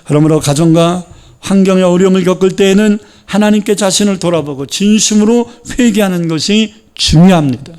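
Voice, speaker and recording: A man's voice: sits high, fairly quick, a little mellow, clean tone. A man preaching a sermon as pastor and leading the congregation in fervent, impassioned prayer. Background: music.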